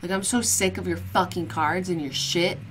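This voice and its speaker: A woman's voice: on the low side, steady tone, normal speed, noisy background. A woman streaming a game, reacting to play with profane, mock-outraged trash talk. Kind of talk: live gameplay commentary.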